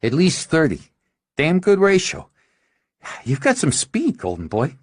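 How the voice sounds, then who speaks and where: A man's voice: on the high side, huge pitch swings, a little slow, no room sound, voice pushed up, full character voice. A man voicing a cocky, tough female vampire hunter in an audiobook, brash and commanding.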